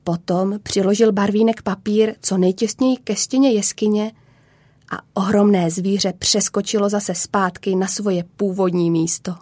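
A woman narrating a children's story in a calm, measured way. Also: medium pitch, no echo.

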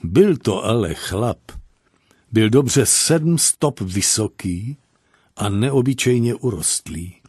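A man narrating a story, reading in an expressive storybook manner. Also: lowish voice, breathy edge, no room sound, studio quality. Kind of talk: scripted narration.

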